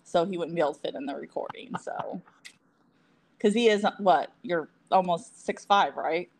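Chatty lady hosting a podcast, kinda low voice, laughs a lot. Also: moderate pace, slight background noise. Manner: chatty, laughs often, self-deprecating asides. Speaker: podcast co-host. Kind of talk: casual podcast chat.

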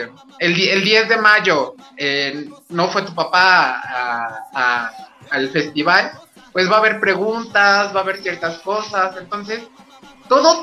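A Mexican man whose voice sits high for a man and sounds very bright and tense. He talks earnestly in a casual panel chat and repeats words while he looks for what to say. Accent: Mexican Spanish. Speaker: podcast guest.

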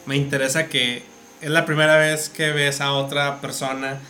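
In a relaxed conversation about an anime, a Mexican-accented man works through long explanations, restarting sentences as he goes. He speaks a little high and flat at a moderate pace, with a sharp tone and slight background noise.

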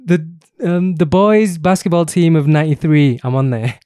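A man's voice: on the high side, normal speed, dark tone, smooth, no echo, clean studio sound. A man, hosting a podcast in casual chat and laughing often. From England. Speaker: podcast host.

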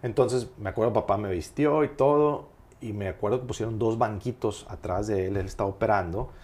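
A middle-aged man, a surgeon guest telling childhood stories in a relaxed, rambling way with many fillers. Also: lowish voice, a little fast. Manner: rambling storyteller with frequent fillers. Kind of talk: casual podcast interview.

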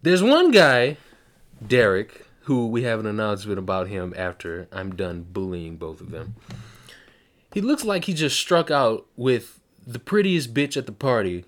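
A man hosting a podcast, loud and boastful, trash-talking and swearing in casual banter with friends in a room. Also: fairly low pitch, expressive, a little slow. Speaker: podcast host.

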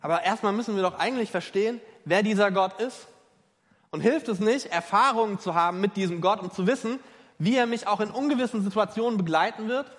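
A man's voice: high voice, brisk, fairly bright tone. A man preaching a sermon, emphatic and questioning his listeners directly. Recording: long reverb of a large hall.

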